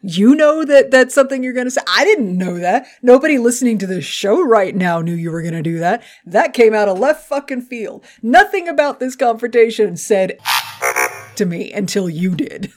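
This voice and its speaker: A woman co-hosting a podcast, recapping a cartoon episode in an animated, joking, profane way. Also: fairly high pitch, moderate pace. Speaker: podcast co-host.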